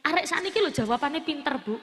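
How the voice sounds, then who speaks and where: A woman's voice: high voice, fast talker. A woman with an East Javanese accent preaching a sermon to a live crowd, telling stories with humor, acting out family members, and asking the audience questions. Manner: lively storytelling, acting out quoted family members. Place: large gathering hall or open-air stage. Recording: long hall reverb from a live event PA.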